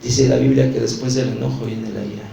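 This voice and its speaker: A man's voice: medium pitch, steady tone, fairly quick, vocal fry, dark tone, slight background noise. A man with a Mexican accent teaching a Bible study, earnest and confessional, speaking straight to the listener. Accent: Mexican Spanish. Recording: roomy echo.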